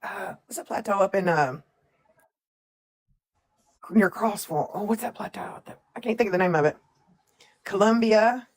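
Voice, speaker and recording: A woman's voice: mid-range voice, normal speed, pauses often. A woman, chatting casually as a livestream co-host and reading out where viewers are from. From Tennessee, USA. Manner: chatty, reads out viewer comments.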